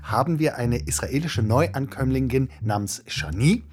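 A man's voice: medium pitch, expressive, a little slow, slightly rough. A man giving scripted podcast narration in a formal, announcer-like way, with faint music behind him.

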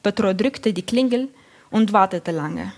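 A woman narrating a literary story in a calm, measured reading. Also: mid-range voice. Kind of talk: audiobook reading.

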